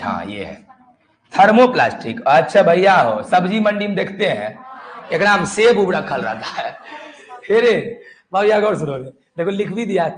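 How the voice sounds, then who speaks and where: A male chemistry tutor, lecturing a class, repeating himself and urging students to write, with joking dialect asides. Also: a little high. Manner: coaxing and repetitive, keeps urging students to write; banters and jokes with the class in dialect. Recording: echoey classroom.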